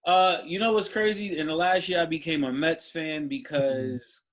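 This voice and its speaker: A man's voice: fairly high pitch, fairly even intonation, moderate pace, fairly bright tone. A man in his thirties from Brooklyn with a Brooklyn accent, chatting casually as a comedy guest in an interview. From Brooklyn, New York. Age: 30s.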